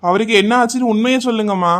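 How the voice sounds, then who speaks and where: A man's voice: high-pitched, very fast, fairly bright tone. Man voicing a stern cartoon doctor. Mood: grave. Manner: grave, lecturing. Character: stern village doctor, middle-aged man.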